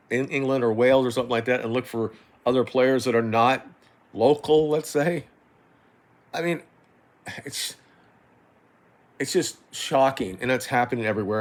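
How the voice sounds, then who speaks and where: A middle-aged man giving an unscripted football opinion rant as a fan, rambling and halting, exasperated, doubling back on himself and swearing. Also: medium pitch.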